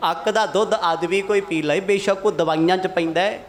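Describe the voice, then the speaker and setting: Male preacher, high voice, animated storyteller who prompts the congregation. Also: fairly quick. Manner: animated, calls out responses to the congregation. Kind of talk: storytelling sermon.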